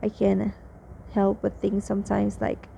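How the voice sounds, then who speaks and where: Her voice is medium-pitched, gravelly and dark, delivered completely flat at a measured pace. This young Spanish-speaking vlogger from Mexico uses English with a Mexican accent, hesitantly recording a casual diary entry while worn out, full of fillers and restarts. Faint noise runs under slightly dull lo-fi sound.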